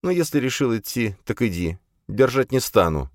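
Bitter, shouting mistress of a house, put on by a male reader, raised well above his low voice, dry and close. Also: very animated, normal speed, no echo. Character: furious jealous older woman, house mistress.

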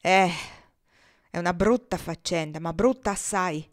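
Storybook figure: anxious middle-aged statesman, read by a woman, grumbling and deliberate. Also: on the low side, natural voice. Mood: troubled. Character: worried middle-aged male senator, gruff and fretful.

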